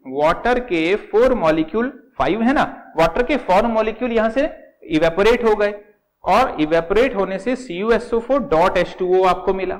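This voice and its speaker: A man's voice: high voice, rough recording. A middle-aged man teaching chemistry. He explains step by step, repeats key words and calls his students "beta". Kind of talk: classroom lecture at a whiteboard.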